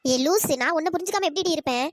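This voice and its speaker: A woman voicing a chatty, loyal young village woman in a cartoon, talking in fast coaxing, pleading bursts. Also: very high-pitched, no echo, clean studio sound. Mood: reassuring. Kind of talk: cartoon voice acting.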